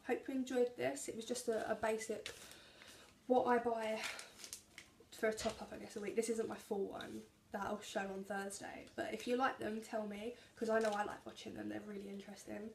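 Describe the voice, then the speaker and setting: Gravelly-voiced young woman, chatty vlogger. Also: fairly high pitch, level tone, normal speed, darkish tone. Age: young adult. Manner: chatty, reading labels and calorie counts. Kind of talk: casual grocery haul vlog. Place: small home kitchen, indoors. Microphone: camera at arm's length. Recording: echoey kitchen with background noise.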